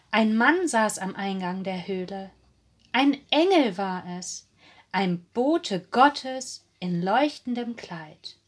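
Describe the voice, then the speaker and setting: A woman narrating a Bible story for listeners in a slow, dramatic, expressive reading style. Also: mid-range voice, husky.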